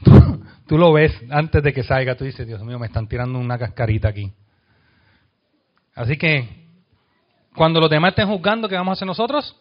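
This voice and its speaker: Man preaching a lively sermon. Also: muffled recording. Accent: Puerto Rican Spanish. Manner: preaches with call-and-response questions to the congregation; reads scripture aloud, dropping soft and low on key lines. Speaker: pastor.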